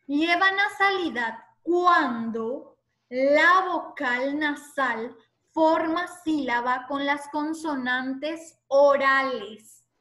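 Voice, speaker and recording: A woman teaching an online class, explaining slowly and patiently and spelling out sounds one by one. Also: high voice, pushed and bright.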